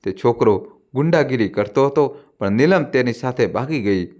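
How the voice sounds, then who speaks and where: A man doing a grave, hushed old man. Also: medium pitch, expressive, moderate pace, close to an everyday voice. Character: old man, sorrowful and secretive.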